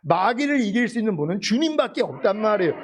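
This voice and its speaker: A man with a high-pitched voice delivers a sermon as a pastor. He speaks emphatically and keeps pressing his listeners with rhetorical questions. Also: big pitch swings, quick pace.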